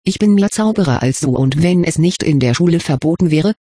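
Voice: medium pitch, animated, a little fast, dark tone, breathy edge, no echo, studio quality. A reader voicing an angry, jealous young schoolboy who challenges an older rival, in a storybook reading. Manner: angry, hissing.

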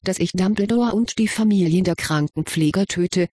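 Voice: medium pitch, normal speed, darkish tone, breathy edge, no room sound, clean studio sound, close to an everyday voice. A reader voicing a haunted, desperate teenage wizard. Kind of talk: audiobook reading of a story.

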